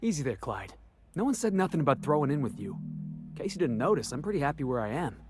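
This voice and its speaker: A man's voice: on the high side, quick pace, soft background music. An actor playing a brash, sarcastic young male crewman with a rebellious streak in a video game. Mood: cocky. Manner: sarcastic, animated.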